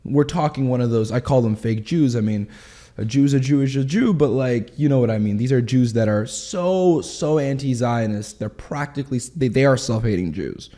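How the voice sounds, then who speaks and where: A man of twenty, telling his story in a candid interview in quick, animated bursts. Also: mid-range voice. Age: 20s. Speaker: guest.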